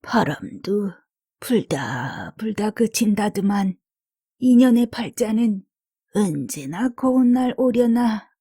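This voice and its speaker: A woman's voice: medium pitch, big pitch swings, slow pace, mellow, breathy edge, no echo, clean studio sound, voice pushed up, exaggerated voice. A woman narrator voicing a weary, foul-mouthed old granny who grumbles and scolds in rustic speech in an audiobook drama. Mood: weary muttering.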